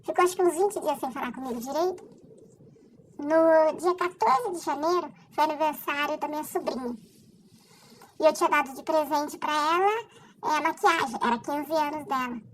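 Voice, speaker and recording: A woman telling a personal faith testimony. She speaks earnestly, with halting restarts. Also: high voice, a little hiss or hum, poor audio.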